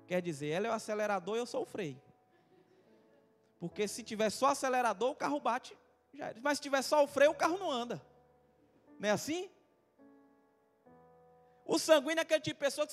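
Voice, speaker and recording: A Brazilian pastor with a strikingly high voice preaches in a relaxed, joking way, tossing questions to his listeners. His words ring through a church hall with a long reverb, and soft music plays behind him. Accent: Brazilian Portuguese. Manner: humorous, chatty, asks the congregation questions. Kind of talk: conversational sermon with personal stories.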